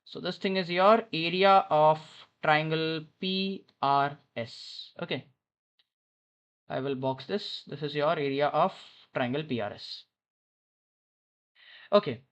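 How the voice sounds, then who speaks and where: A man's voice: on the high side, slow, pauses often, fairly bright tone. Male maths tutor on dull headset audio. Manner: thinking aloud, often self-correcting. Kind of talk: informal maths problem walkthrough. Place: airport lounge. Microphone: headphone mic.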